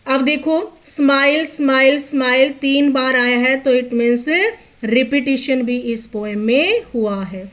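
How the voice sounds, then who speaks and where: Slow, high-voiced teacher woman. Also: fairly even intonation, fairly bright tone. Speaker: English teacher. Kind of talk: bilingual poetry lesson.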